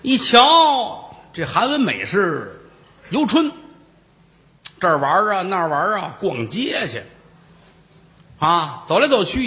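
A man telling a traditional story in a comic style, with lively jokey asides to the listeners. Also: high voice, big-room sound.

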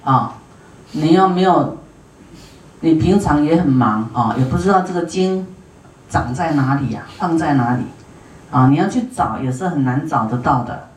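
A woman Buddhist teacher giving an unhurried dharma lecture to an audience, filling pauses with drawn-out "ah" sounds and putting questions to her listeners. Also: low-pitched, lively intonation, darkish tone. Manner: unhurried, with many drawn-out "ah" fillers; asks the audience questions and to raise hands. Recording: roomy hall sound, voice from a distance.

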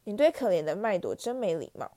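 A woman's voice: medium pitch, very animated, a little fast, mellow, no room sound, lightly acted. A woman voicing a mischievous male poltergeist who mocks and teases in a storybook reading. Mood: taunting. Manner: mocking, teasing.

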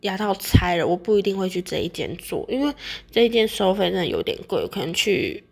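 A woman's voice: lowish voice, very animated, a little fast, creaky. A young adult woman with a Taiwanese accent chats casually to viewers in a rambling monologue, often repeating words and correcting herself. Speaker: vlogger sharing personal experience.

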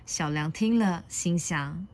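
Woman storyteller, picture book read-aloud, expressive, asks listeners questions. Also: fairly low pitch, slow pace.

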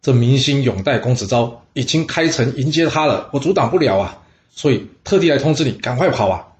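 A man's voice: mid-range voice, expressive, brisk, highs cut off, close to an everyday voice. A man voicing a scheming male court official laying out a plan. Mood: urgent. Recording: roomy echo.

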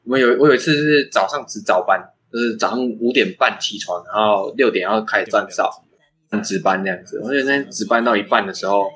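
A man's voice: lowish voice, fairly bright tone, a little hiss or hum, poor audio. A young man with a Taiwanese Mandarin accent, hosting a podcast and telling a rambling story with frequent laughs. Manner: fast, rambling, laughs often. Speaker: podcast host. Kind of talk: casual storytelling chat.

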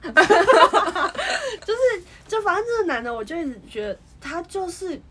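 A woman's voice: very high voice, sing-song, fast talker, a crowd in the background. A woman co-hosting a podcast, chatting animatedly and often laughing while telling stories. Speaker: podcast co-host. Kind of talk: casual chat.

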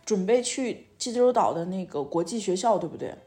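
A woman's voice: medium pitch, expressive, brisk, warm tone. A woman hosting a casual interview with a young child as a language teacher, prompting with short questions and repetition and dropping in foreign words. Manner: drops foreign words into sentences.

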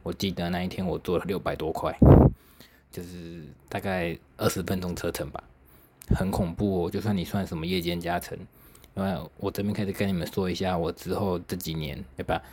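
Low-voiced Taiwanese young man telling stories. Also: brisk, background noise. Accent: Taiwanese Mandarin. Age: young adult. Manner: chatty, self-mocking, laughs, mild swearing. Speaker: podcast host. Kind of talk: casual solo storytelling.

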